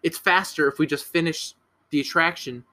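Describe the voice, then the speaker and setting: A man's voice: a little high, moderate pace, sharp tone. A young man casually recapping a horror movie on a podcast, rambling, swearing and correcting himself as he goes. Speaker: podcast co-host.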